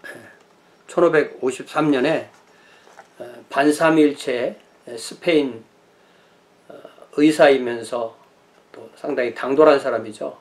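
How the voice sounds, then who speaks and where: A man's voice: medium pitch, unhurried, pauses often, a little mellow. A middle-aged man, a pastor, giving a lecture on church history, thinking aloud with many fillers and self-corrections.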